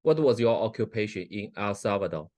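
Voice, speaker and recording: A man in a mock hearing, asking formal questions in a measured way. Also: lowish voice, animated, darkish tone, dry recording, clean studio sound.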